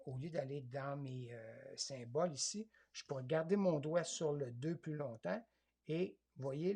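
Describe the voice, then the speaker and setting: Man, Quebec French accent, tablet class instructor, husky gravelly voice, hesitant, thinks aloud. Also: fairly high pitch, darkish tone. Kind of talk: live class demonstration.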